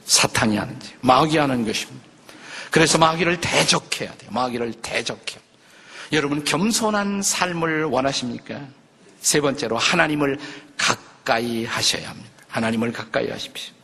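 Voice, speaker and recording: An older man, a pastor, preaching a sermon in a lively conversational way, acting out quotes and jokes. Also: medium pitch, moderate pace, vocal fry, breathy edge. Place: church sanctuary. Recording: long church reverb.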